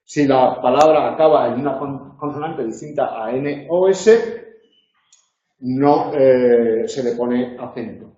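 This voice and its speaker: Spanish guy from spain lecturing in a classroom, lots of ums and restarts, warm low-key tone, kinda muffled and echoey. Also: takes it slowly. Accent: Peninsular Spanish. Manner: hesitant, many filler sounds and restarts. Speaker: university tutor. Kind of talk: spoken lecture. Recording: dull echoey room recording.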